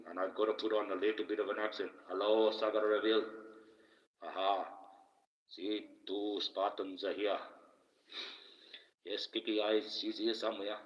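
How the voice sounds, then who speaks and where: A man from Australia speaks in a low, unhurried, musing way, his voice washed in a dreamy, distant echo. The long reverb makes it sound ethereal and far away. The sound is dull and lo-fi. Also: fairly bright tone. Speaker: livestream host playing an archangel persona. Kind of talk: casual livestream advice and chat with viewers.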